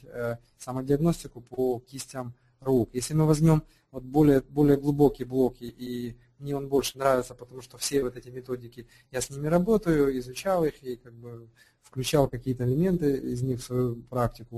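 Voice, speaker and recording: A man's voice: medium pitch, warm tone. A man talking as an alternative health practitioner, unscripted and hesitant, with frequent fillers and restarts. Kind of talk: unscripted explanatory talk.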